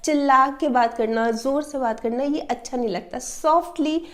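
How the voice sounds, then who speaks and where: A woman's voice: sits high, moderate pace. A woman hosting an advice talk, explaining with everyday examples and imitating the habits she describes. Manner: mimics sounds and repeats words to illustrate. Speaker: self-help video host.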